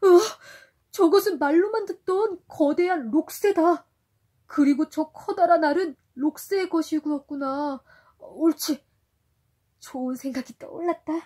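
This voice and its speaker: A woman voicing a bold, excitable male sailor adventurer, dramatic and exclamatory, while reading a storybook to a toddler. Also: on the high side, moderate pace, husky. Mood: amazed.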